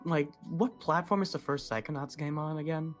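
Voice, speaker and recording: A man's voice: fairly high pitch, moderate pace. Man, podcast co-host, rambling, casual, faint background music. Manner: rambling, filler-heavy.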